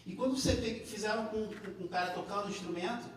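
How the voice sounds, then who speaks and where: A Brazilian man lectures a class, talking things through with lots of tag questions and false starts. His fairly high voice is heard from well back in a very echoey hall. A faint hum of room noise sits under him. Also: fast. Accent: Brazilian Portuguese. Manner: explanatory, many tag questions and restarts. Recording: echoey hall recorded from a distance.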